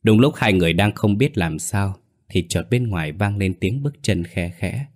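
A man narrating a ghost story audiobook in a steady, dramatic way. His voice sits very low and deep. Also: moderate pace.

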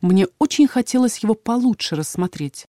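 Mellow woman reading a fantasy audiobook. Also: on the high side, dry recording, studio quality. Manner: measured, expressive reading. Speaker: audiobook narrator. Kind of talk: first-person fantasy audiobook narration.

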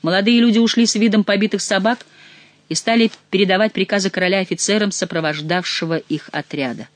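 An audiobook narrator reading a historical novel in a measured manner. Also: medium pitch, dry recording. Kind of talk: scripted narration.

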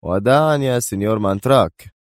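A man voicing a curt young male bodyguard in an audiobook, with a hoarse, dry, clipped voice. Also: lowish voice, fast, no echo, close to an everyday voice. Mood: bored, stern.

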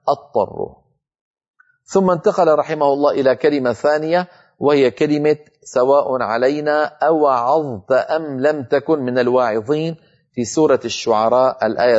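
Recitation teacher, man, fairly high voice, patient explainer who chants slow examples, muffled lo-fi broadcast sound. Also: darkish tone. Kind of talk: televised recitation lesson.

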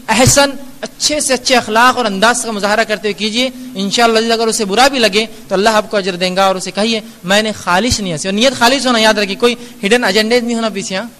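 Speaking in a large hall, a man with a high, sharp voice delivers a religious Q&A lecture. As an Islamic lecturer fielding audience questions, he is earnest and admonishing, drawing on everyday examples.

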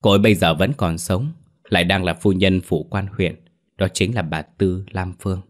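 A man voicing a loyal, calm old male servant in a spoken storybook, talking in a measured way. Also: deep voice, natural voice.

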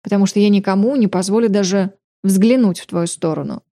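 A woman's voice: medium pitch, a little fast, dark tone, no room sound, natural voice. A woman voicing a cocky, teasing young man in an audiobook, speaking in a playful, self-assured way.

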